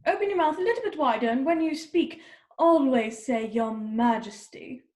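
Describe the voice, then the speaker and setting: A woman with a high, slightly mellow voice performs in a children's readers' theater, heard with reverb. Animated and at a moderate pace, she plays a bossy, haughty queen, scolding and ordering a young girl about.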